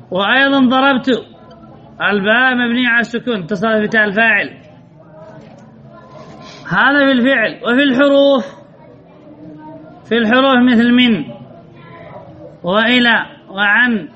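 A man's voice: extremely high pitch, bright, forceful tone, lo-fi sound. A man teaching grammar to a class, quizzing his students and repeating the key points. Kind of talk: classroom lesson with student questions.

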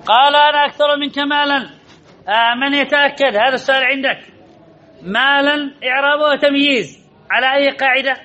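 A man's voice: extremely high pitch, steady tone, brisk, bright, forceful tone, a little hiss or hum. A man teaching a grammar lesson, asking his students questions and answering them himself, repeating the key points. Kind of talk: classroom lesson. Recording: dull lo-fi recording.

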